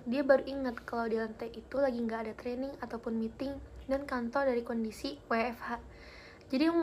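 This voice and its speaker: A woman's voice: sits high, slight background noise. A young woman hosting a live stream, chatting casually with viewers and telling spooky stories in a giggly way. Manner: chatty and giggly, reads comments aloud.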